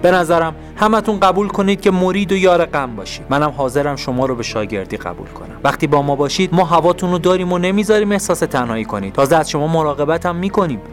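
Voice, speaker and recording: A man's voice: on the high side, animated, hardly any pauses, soft background music, close to an everyday voice. A man voicing Despair, a scheming male general who coaxes his enemies with falsely caring promises, in a narrated audio story. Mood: coaxing. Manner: coaxing, falsely caring persuasion.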